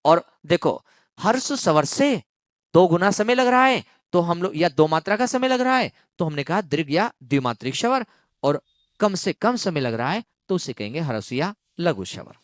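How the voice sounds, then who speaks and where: A grammar teacher drills exam students through a lesson, repeating each key phrase several times and stopping to quiz the class. The voice moves widely in pitch, and it sounds dry and close, with almost no room echo. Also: very animated, moderate pace. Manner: draws out words to demonstrate long vowels.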